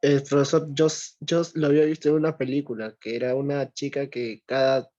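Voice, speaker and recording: A man's voice: mid-range voice, flat delivery, fairly quick, mellow. Student guy stumbling through his answer, muffled lo-fi sound. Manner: hesitant, stammering restarts.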